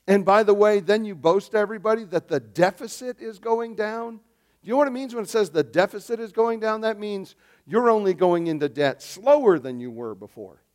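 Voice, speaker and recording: A man preaching a sermon as pastor, swinging between loud emphasis and quiet asides. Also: high voice.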